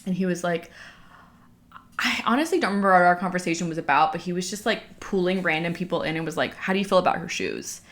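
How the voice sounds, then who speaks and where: A young woman with a slightly low voice talks as if to her followers in a casual, candid way. She is audibly out of breath, breathing heavily between phrases, and her chatty storytelling is peppered with "like". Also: fast, fairly bright tone. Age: young adult. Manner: chatty, filler-heavy with frequent "like". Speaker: vlogger speaking to followers.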